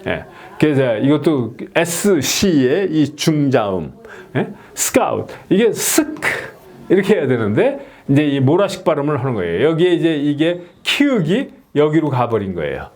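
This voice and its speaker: Korean man drilling pronunciation, lively pitch. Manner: keeps asking "예?" to check on listeners, repeats words many times as demonstrations; slow, deliberate drilling of single words. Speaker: author teaching his own English pronunciation method. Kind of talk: video lecture explaining slides.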